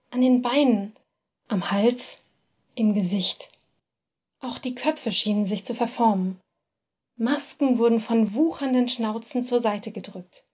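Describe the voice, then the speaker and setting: A woman narrating a first-person literary story in a measured, expressive reading. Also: a little high, dull audio.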